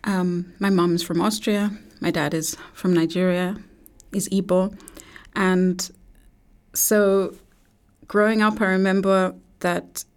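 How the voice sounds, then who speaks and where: A woman talks in a radio studio interview. Her voice sits low and stays flat and even, and she pauses and restarts as she searches for the right words. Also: vocal fry. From London, UK. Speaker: guest artist and writer.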